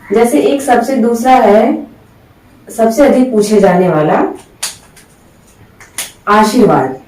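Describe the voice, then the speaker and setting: A woman teaching Hindi spelling rules, slowly drawing out each example word and mixing English words into her Hindi. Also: mid-range voice, mellow, reverberant, distant mic, poor audio. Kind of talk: spelling lesson.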